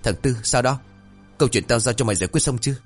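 A man's voice: mid-range voice, fast, slightly rough, faint music behind, natural voice. A man voicing a harsh young master who killed his wife, speaking in a curt, commanding way.

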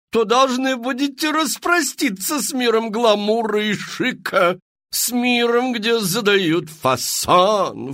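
A man's voice: high-pitched, no room sound, studio quality, voice pushed up, full character voice. A man voicing a pompous, showy female fashion queen who sells to a crowd in a theatrical, grand manner. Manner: theatrical, grand, rising to loud exclaims.

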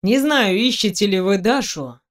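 A woman's voice: medium pitch, expressive, moderate pace, lightly acted. A woman reading an audiobook, voicing a stubborn young man who answers with sarcasm and defiance. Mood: defiant.

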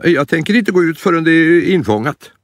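A worried old grandmother played by a man fusses and warns in a storybook reading. The voice is lifted well above the reader's usual pitch and lilts up and down, recorded close and dry. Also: expressive, no echo, close to an everyday voice. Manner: anxious, warning. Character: old grandmother, cautious and fussing.

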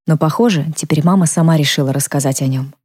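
A woman calmly narrating a first-person novel as an audiobook reader. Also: sits low, fast, breathy edge.

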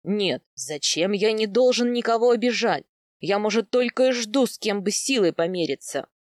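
A woman reading aloud, voicing a playful young steppe husband in a lowered, eager, teasing voice. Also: animated, moderate pace, a little mellow, no echo, clean studio sound, lightly acted.

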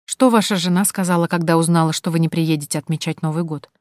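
A woman reading the part of a warm, easily flustered woman who is shy and full of wonder. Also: sits low, fairly even intonation, fast, dry recording, clean studio sound, natural voice.

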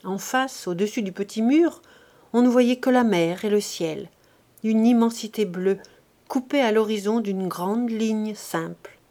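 A woman reading a classic novel aloud as an audiobook narrator, measured and expressive. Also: mid-range voice.

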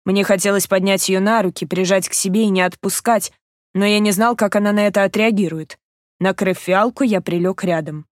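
A woman narrating an audiobook in an even, measured reading. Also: medium pitch, dry recording, studio quality. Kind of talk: scripted narration.

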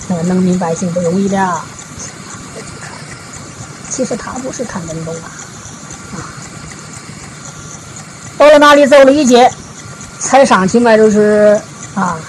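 A woman giving a Buddhist dharma talk, retelling a parable in a folksy storytelling way, with frequent drawn-out filler particles. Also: mid-range voice, a little mellow, slight background noise, poor audio. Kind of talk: storytelling sermon.

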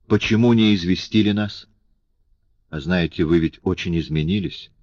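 A man's voice: deep voice, moderate pace, no echo. A man reading an audiobook, voicing an affectionate young woman who playfully scolds. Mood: chiding. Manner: chiding, lively. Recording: dull lo-fi audiobook recording.

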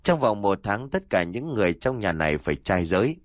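A stern old exorcist master, as a male narrator puts him on, speaking in a deep, lively voice. He gives solemn commands and warnings. The sound is dry and close. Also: a little fast, no echo.

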